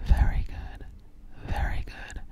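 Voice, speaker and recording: An ASMR creator whispers breathily and soothingly with the microphone right at her mouth, playing a sweet, slightly sassy alien girl in a personal attention roleplay. She's slow and repetitive, repeating words, in a small dim room indoors, and the sound is lo-fi.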